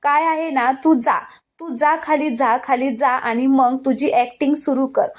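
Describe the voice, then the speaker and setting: A woman's voice: high-pitched, fairly even intonation, measured pace. A woman voicing a scornful young woman villain from a family drama, sneering and mocking as she retorts.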